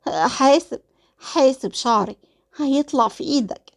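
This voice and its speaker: A woman voicing a scheming young wife with an Egyptian accent, sharp and indignant. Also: medium pitch, moderate pace, lightly acted. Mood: angry. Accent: Egyptian Arabic.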